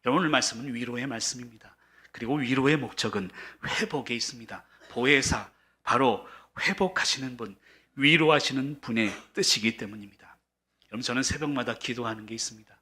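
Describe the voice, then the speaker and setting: A man's voice: medium pitch, fairly quick, sharp tone. A middle-aged man preaching a sermon as pastor, earnest and building to emphatic peaks.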